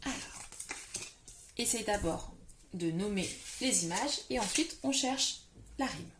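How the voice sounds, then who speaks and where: A woman's voice: medium pitch, lively intonation, slow pace, background noise. A woman teaching a phonics lesson to young children. She stretches and stresses the final syllables of words. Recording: echoey room.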